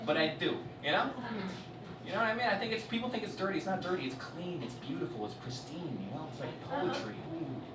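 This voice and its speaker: A male stand-up comedian on stage, cursing freely and lurching from shouted punchlines to quiet mumbled asides. His voice runs fairly high and moves around a lot in pitch. He is heard from a distance in a big echoing hall, over the loud noise of the crowd. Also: lively intonation, quick pace. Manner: profane, swings between loud outbursts and low muttered asides. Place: comedy festival stage in a large venue. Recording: roomy hall, distant mic, loud audience.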